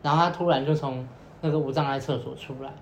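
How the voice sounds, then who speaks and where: A man's voice: mid-range voice, steady tone, quick pace. Rambling young man, roomy sound. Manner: rambling, many repeated fillers, acts out quoted lines. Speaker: podcast co-host telling a story. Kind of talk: casual storytelling chat. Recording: roomy echo with faint noise.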